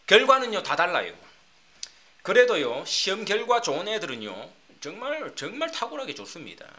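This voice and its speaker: A man's voice: a little high, bright, forceful tone. A middle-aged man preaching a sermon as pastor, asking the congregation rhetorical questions.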